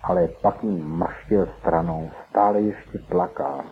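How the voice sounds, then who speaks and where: A man's voice: low-pitched, fairly even intonation, slight background noise. A man reading a first-person story aloud in an earnest, dramatic storytelling manner, heard on a tinny lo-fi recording. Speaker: narrator. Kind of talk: first-person audiobook narration.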